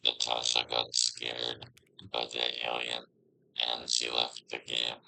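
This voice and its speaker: Man, voice changer app effect, pitched way down, slow drawn-out delivery, game stream. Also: monotone, pushed and bright, a little hiss or hum. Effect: phone app voice changer, pitched far down. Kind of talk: casual gameplay commentary.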